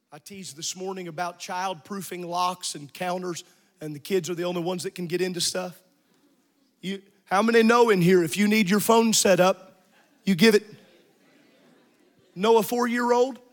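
High-pitched preaching man in a church. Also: steady tone, long reverb tail. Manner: preaching with rising shouts and fast asides. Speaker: pastor. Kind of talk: evening sermon. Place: church sanctuary.

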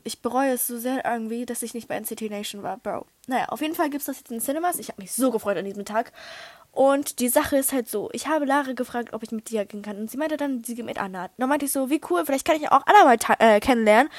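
A young woman hosting a podcast in casual chat, excitable, with dramatic outbursts and English slang thrown in. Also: fairly high pitch, no room sound. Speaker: podcast host.

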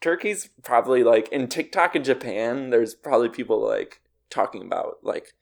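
A man's voice: medium pitch, normal speed, vocal fry. A man co-hosting a podcast in casual chat, joking at his own expense. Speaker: podcast co-host.

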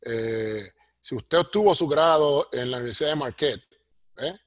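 A man's voice: mid-range voice, expressive, moderate pace, fairly bright tone, no echo, studio quality. A middle-aged man, a sociology professor answering interview questions earnestly, often checking with "¿ve?". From Puerto Rico. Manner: earnest, explanatory, asks "¿ve?" for agreement.

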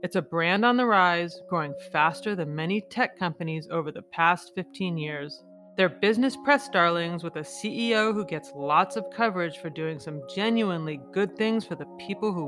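A woman's voice: fairly low pitch, a bit bright. A woman narrating a scripted podcast introduction as its host. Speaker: podcast host, advocacy group director.

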